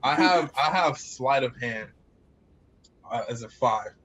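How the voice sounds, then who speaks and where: A man's voice: mid-range voice, expressive, takes it slowly, fairly bright tone, breathy edge. A man playing a tabletop game who reacts eagerly to what happens. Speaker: player. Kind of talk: tabletop game play, casual chat. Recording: dull lo-fi mic.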